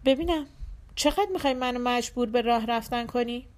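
Woman narrator voicing a brazen, irritable middle-aged street woman; sharp mocking comebacks. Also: a little high, lightly acted. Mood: irritated.

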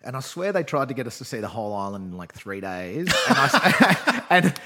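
A man's voice: lowish voice, big pitch swings, fast talker. An Australian man in a casual chat as a podcast guest, talking in a laid-back, blokey tradesman way with matey slang.

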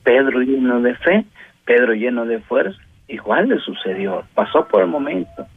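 A man's voice: medium pitch, expressive, normal speed, husky. A man preaching a fervent radio sermon, calling his listeners brother and sister and firing off rising rhetorical questions. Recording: tinny phone-line radio sound.

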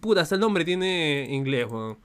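A young man banters loosely in a casual chat, his voice sitting a little high. He jokes, swears freely and gets excitable as he argues his point. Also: moderate pace, clean tone.

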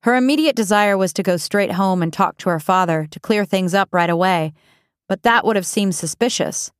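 A woman reading an audiobook in a steady, measured storytelling voice on a close microphone. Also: medium pitch, smooth, no echo. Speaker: audiobook narrator. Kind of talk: scripted narration.

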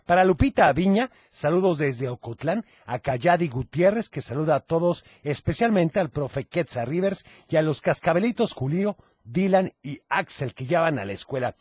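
Playful husky Mexican man hosting kids' radio. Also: fairly high pitch, a little mellow, no room sound. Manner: playful, exclamatory, teasing. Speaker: children's radio host. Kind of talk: lively kids' radio chat.

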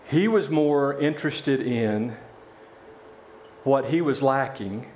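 A man preaching a sermon in a church, telling a parable with animated voices for its characters. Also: mid-range voice, slow, echoey room, a little hiss or hum. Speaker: pastor.

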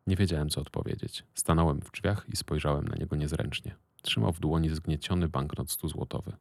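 A man narrating a first-person story as an audiobook, in a measured, wry, deadpan manner. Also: dry recording. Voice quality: deep, gravelly. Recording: dry close recording.

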